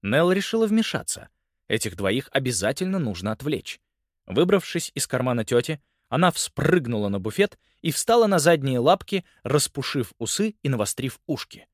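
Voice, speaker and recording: A man narrating a children's audiobook in a lively, expressive reading. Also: medium pitch, normal speed, no room sound, clean studio sound.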